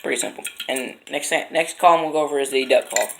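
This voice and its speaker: A man giving an informal how-to demonstration as an instructor, explaining in a halting, unpolished way. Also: mid-range voice, creaky, heavy background noise. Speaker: instructor demonstrating duck and goose calls.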